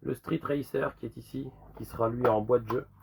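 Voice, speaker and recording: A man with a rusty, hoarse voice worn by a lingering cough, casually presenting a collection in an informal, rambling show-and-tell. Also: mid-range voice, steady tone, moderate pace, darkish tone, a little hiss or hum, rough recording. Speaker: retro game collector presenting a sale.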